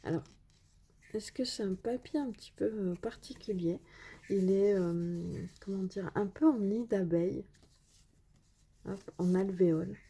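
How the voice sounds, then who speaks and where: A woman talks casually through an unboxing of craft supplies, pausing often with little fillers. Her voice is soft and breathy, in an even middle register. She keeps heaping praise on each piece she shows. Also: mid-range voice. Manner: hesitant, many fillers, enthusiastic praise. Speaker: craft vlogger.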